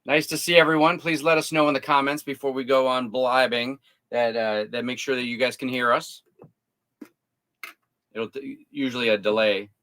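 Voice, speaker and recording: A man's voice: mid-range voice, steady tone, normal speed, sharp tone. A man co-hosting a casual livestream from inside a camper, reading out viewer comments and joking. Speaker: co-host of an RV livestream.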